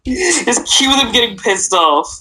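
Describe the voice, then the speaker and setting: A high-pitched teenage boy talks with his friends on a casual podcast. His bright voice rambles and trips over fillers and restarts. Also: very animated, measured pace, low-quality recording. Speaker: podcast co-host. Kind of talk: casual chat.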